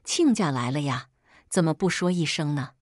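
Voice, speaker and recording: A pushy older mother-in-law in an audio story, fawning and fussy, as a woman reader puts her on with a low, lively, dry voice. Her pitch rises and falls a lot. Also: normal speed, no room sound.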